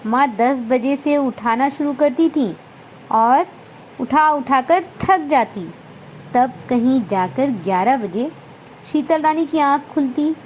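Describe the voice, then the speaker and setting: High-voiced woman reading a story aloud. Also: slight background noise, rough recording. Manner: measured, expressive reading. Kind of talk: scripted story narration.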